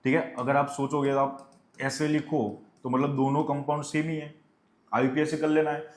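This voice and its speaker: A male chemistry teacher lecturing a class, who asks questions and answers them himself and dictates definitions slowly. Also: fairly high pitch, little pitch movement, roomy sound.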